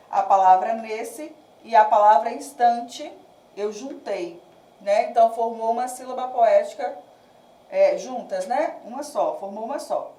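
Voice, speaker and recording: Woman, Brazilian accent, teacher, patient step-by-step lesson, higher mellow voice, roomy echo, distant mic. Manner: patient, explains step by step, checks in with "né?" and "tá?"; counts syllables slowly and reads verses aloud. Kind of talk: recorded remote class lesson. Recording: echoey room, distant mic.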